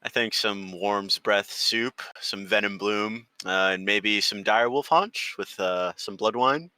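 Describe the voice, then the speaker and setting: Man playing a jovial burly cook for a tabletop game, low and bright, booming. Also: takes it slowly, clean tone, no echo, poor audio. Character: hearty burly male mansion cook.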